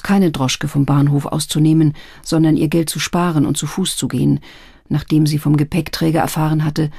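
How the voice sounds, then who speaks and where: A woman narrating an audiobook in calm, scripted storytelling. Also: sits low, vocal fry, husky, no room sound. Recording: dry close studio sound.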